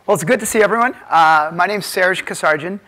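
Speaking through a lapel mic on an indoor hotel ballroom stage, a thirty-something American tech executive delivers a casual conference keynote. He hesitates frequently and leans on fillers, his high voice bright and forceful.

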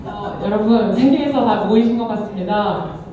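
Female interpreter, mellow tone, hesitant, self-correcting, consecutive interpreting, far mic, very echoey hall. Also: medium pitch, normal speed. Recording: very echoey hall, distant microphone.

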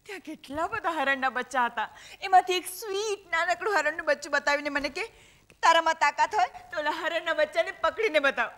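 A woman's voice: extremely high pitch, a little fast, a bit bright. An actress playing a cheerful, innocent young woman patient in a stage play, chatty and wide-eyed. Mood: excited. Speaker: patient in a hospital.

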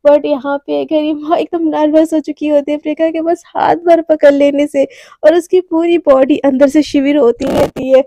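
A woman's voice: high-pitched, level tone, normal speed, warm tone, no room sound. A young woman telling a story in a chatty, informal way with many asides. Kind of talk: casual storytelling.

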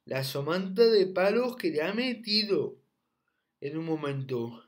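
A young man hosts a reaction video from his room, mocking the clips with loud, repeated exclamations. His voice is a little high and animated, at a measured pace.

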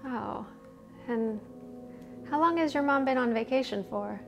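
A woman's voice: fairly high pitch, unhurried, gravelly, faint music behind. An actress playing a polite, awkward young girlfriend with a hesitant manner in a naturalistic drama. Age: young adult. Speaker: actor. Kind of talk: naturalistic scripted drama acting. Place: indoors in an apartment.

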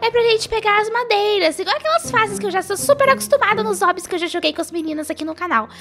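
A woman's voice: extremely high pitch, animated, fast talker. A woman voicing a timid, easily frightened young female pony, chatting through a game in character and shrieking when scared. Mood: chatty. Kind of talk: let's play game commentary in character. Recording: loud game music behind voice. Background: loud game music.

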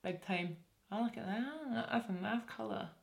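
Speaking at a normal pace with a gravelly, medium-pitched voice, this beauty vlogger from Scotland talks to camera in a cramped room backed by a curtain. She responds to what viewers assume about her with casual self-deprecation and frequent restarts.

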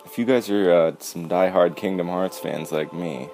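A man's voice: sits low, normal speed, darkish tone, faint music behind. A man commenting casually on his gameplay, cracking jokey, sarcastic asides. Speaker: let's play gamer.

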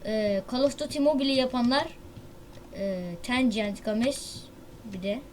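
A woman hosting a gaming channel, giving excitable, slangy live commentary on a mobile shooter with loud outbursts and self-mocking banter. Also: a little high, unhurried, slight background noise.

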